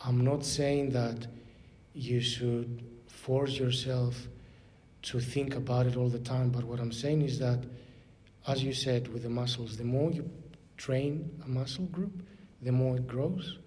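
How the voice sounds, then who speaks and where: Mellow man with a Greek accent. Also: steady tone, a little slow. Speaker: senior clergyman answering questions. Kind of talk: spiritual talk answering audience questions. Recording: noisy room with low rumble.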